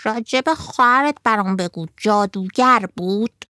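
A woman voicing an excited little boy on a train, asking eager childlike questions. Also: mid-range voice, close to an everyday voice.

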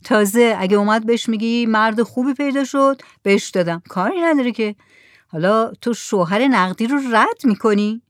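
Woman reader voicing a brash mullah, quick and insistent, storybook. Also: on the high side, lively intonation, no echo, studio quality, natural voice. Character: short heavy mullah, pushy and self-assured.

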